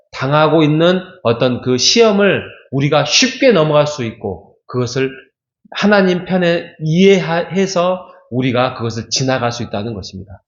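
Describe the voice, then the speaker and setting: A man pastor giving a conversational Bible sermon, now and then acting out the voices of people he quotes. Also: a little high. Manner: conversational, acts out quoted complaints. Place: church sanctuary. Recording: roomy, slightly dull church recording.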